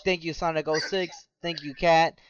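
A man co-hosting a casual podcast, swearing freely and boisterous in loud drunken banter. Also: fairly high pitch, steady tone, moderate pace, smooth, no room sound, muffled recording. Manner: profane and boisterous. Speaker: podcast co-host. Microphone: no webcam, remote mic.

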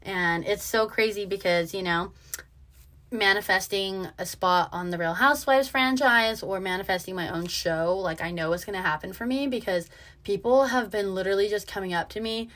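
A woman's voice: medium pitch, normal speed, fairly bright tone. Young woman, casual monologue; confident, foul-mouthed, filler-heavy delivery. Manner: brash, profane and self-assured, with lots of fillers.

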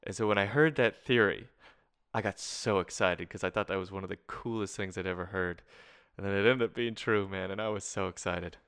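Bright-voiced Canadian man hosting a podcast. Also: deep voice, clean tone. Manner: enthusiastic, quick to laugh. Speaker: podcast host. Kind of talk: casual podcast chat.

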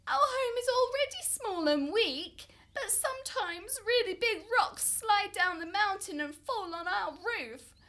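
Storybook role: a desperate elderly couple, pleading and tearful, very high and loud, voiced by a woman. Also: full character voice.

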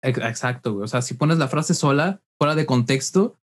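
A man's voice: medium pitch, normal speed. A young man with a Mexican accent, co-hosting a podcast in casual, slang-heavy chat. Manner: slangy, says "güey" constantly. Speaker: podcast co-host.

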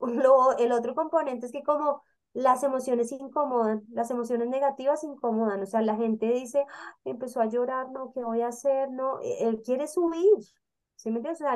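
A woman co-hosting a casual panel talk, explaining emotions in an animated way and acting out the people she quotes. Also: high-pitched. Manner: animated, acts out quoted voices. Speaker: co-host.

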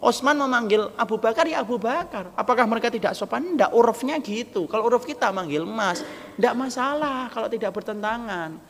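Joking with the crowd in a lively way, a male Islamic preacher with a high, gravelly voice gives a humorous sermon and acts out little quoted dialogues. Long hall reverb and faint background noise surround him.

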